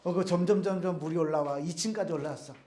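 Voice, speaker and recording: High-voiced man giving a casual youth sermon. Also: fast talker, mellow, reverberant. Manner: storytelling in casual speech, acting out quotes. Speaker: youth pastor. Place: church youth service room.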